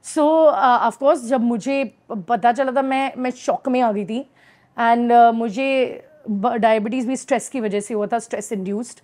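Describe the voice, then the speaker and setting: A woman's voice: fairly high pitch, unhurried, darkish tone. A woman in her thirties with an Indian accent, an actress chatting in an interview, bubbly and mixing Hindi with English. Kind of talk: casual interview chat.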